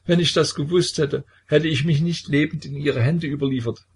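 A man's voice: fairly low pitch, unhurried, darkish tone, breathy edge. A man voicing a young deserter recruit who stammers and pleads tearfully. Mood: sobbing, pleading.

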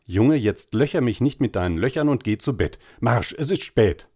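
A man voicing an impatient, gruff middle-aged father in an audiobook story. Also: mid-range voice, animated, normal speed, a little mellow, voice pushed up. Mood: stern. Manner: gruff, curt, lecturing.

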